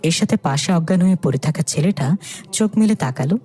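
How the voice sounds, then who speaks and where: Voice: mid-range voice, expressive, a little fast, slight background noise. A storyteller reading a scripted horror story aloud and voicing every character. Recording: soft music behind.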